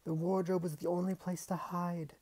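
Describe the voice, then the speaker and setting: A man's voice: high voice, level tone, moderate pace, warm tone, pitched above the performer's own voice. A man voicing a bold, defiant young girl who speaks urgently and pleads in a storybook reading. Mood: pleading. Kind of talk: audiobook character voice.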